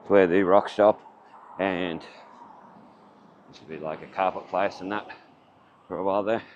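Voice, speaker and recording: A muffled male voice, low in pitch, speaks through a face mask with an Australian accent. He rambles in a plain, casual way, like someone vlogging on foot. The audio is dull, with faint outdoor noise behind him. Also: fairly even intonation, moderate pace, a little mellow. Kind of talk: casual rambling walking vlog. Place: outdoors, walking along town streets. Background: faint outdoor ambience.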